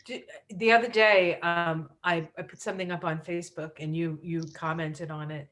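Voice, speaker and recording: A woman's voice: lowish voice, fairly even intonation, fairly bright tone. Chatty, teasing woman co-host. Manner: chatty, teasing, quick to laugh. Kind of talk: casual chat.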